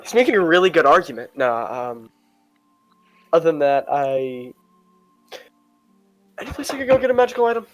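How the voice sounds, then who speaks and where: A man's voice: on the high side, very animated, moderate pace, pauses often, no echo, soft background music. A man chatting casually as a player in a tabletop game, making polite, tentative requests.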